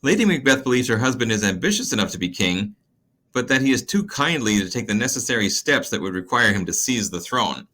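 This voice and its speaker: Wry, bright-toned man narrating. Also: fairly low pitch. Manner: wry, conversational. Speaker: narrator summarizing a play. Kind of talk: casual summary narration.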